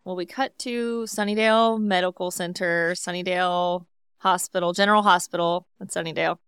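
A woman's voice: lowish voice, fairly quick, clean tone, dry recording, studio quality. A woman co-hosting a podcast, recapping an episode in casual chat and acting out quoted lines. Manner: animated, acts out quoted lines. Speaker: podcast co-host.

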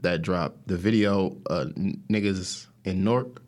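A podcast host chats casually with friends, using slangy, profane language and repeating his own phrases. His voice is low with a darkish tone, and he talks a little slowly.

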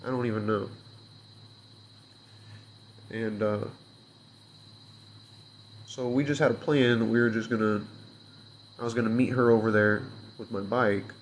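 A young man talks in a fairly low voice, rambling and frustrated, sprinkling his rant with curses and fillers. He sounds worn out and queasy, like the morning after. A faint background hum sits under the recording. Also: fairly even intonation, measured pace, pauses often. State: hungover and unwell. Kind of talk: casual rant to camera.

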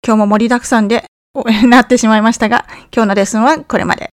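This English teacher talks fast with fairly even intonation, her voice fairly high as she explains phrases and runs drills for students to repeat. She turns friendly and encouraging when voicing the English lines. The sound is close and dry, with no room sound at all.

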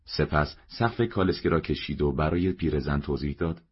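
A man reading a novel aloud as narrator, in a steady, measured way. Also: extremely low pitch, breathy edge. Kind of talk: audiobook narration. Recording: dull lo-fi recording.

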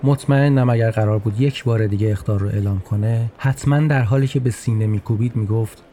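A man's voice: fairly low pitch, dark tone, a little hiss or hum. A man narrating a personal story in a podcast with a wry, humorous touch.

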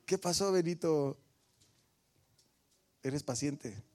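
Soft music backs this sermon from a middle-aged Mexican pastor whose voice is a little high, animated, slow and somewhat mellow. He peppers the congregation with questions and playfully ribs people by name.

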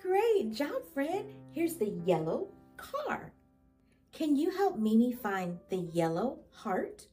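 A woman speaks like a kindergarten teacher to preschoolers, encouraging and sing-song. Her delivery is slow and swoops widely in pitch, with a soft, mellow tone. She asks simple questions and leaves room for answers. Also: wildly swooping pitch, faint music behind. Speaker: children's show host. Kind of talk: preschool lesson addressed to young children.

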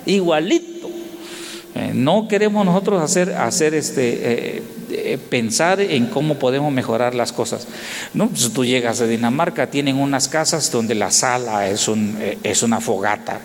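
A man from Oaxaca with a Mexican Spanish accent, preaching a sermon with storytelling that swells into loud, indignant exclamations. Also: mid-range voice, lively intonation, moderate pace. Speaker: pastor. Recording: long hall reverb, faint noise.

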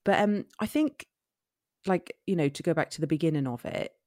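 A woman's voice: low voice, expressive, fairly quick, darkish tone, dry recording, studio quality. A woman from Somerset with a West Country accent, chatting casually and bluntly about films, with some swearing. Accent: West Country English, Somerset. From Somerset, England. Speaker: film podcast co-host. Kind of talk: casual film chat.

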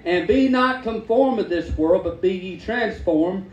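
A man preaches a fervent Pentecostal sermon in a church hall during a service, exhorting emphatically and repeating phrases as the congregation calls back. His voice is high and a little slow, and the audio is dull and echoey.

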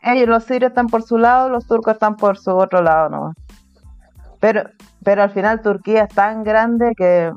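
A woman's voice: mid-range voice, moderate pace, clear, resonant tone, no echo, dull audio, faint music behind. A woman from Chile with a Chilean Spanish accent, an artist being interviewed in a casual, chatty way. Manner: casual, chatty, laughs between points. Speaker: interviewee, artist living abroad. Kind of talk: remote interview conversation.

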